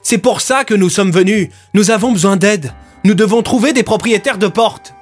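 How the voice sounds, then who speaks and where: A man's voice: sits high, moderate pace, soft background music, voice pushed up. A man voicing an earnest police inspector in an audio story, insistent and raising his voice. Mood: urgent. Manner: insistent, raised voice.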